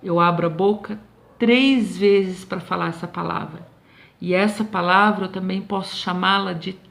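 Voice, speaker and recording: A Brazilian schoolteacher records a remote lesson correcting homework, speaking Brazilian-accented Portuguese in a creaky, medium-pitched voice. She is patient, slow and drawn out, constantly checking in with "tá bom?".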